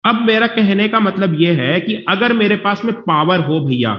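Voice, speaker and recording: Teacher guy, highish voice, keeps checking if the class gets it, roomy muffled recording. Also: lively intonation, normal speed. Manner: reassuring, repeats himself, checks whether students follow. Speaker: biology teacher. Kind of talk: classroom lecture. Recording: dull, echoey classroom recording.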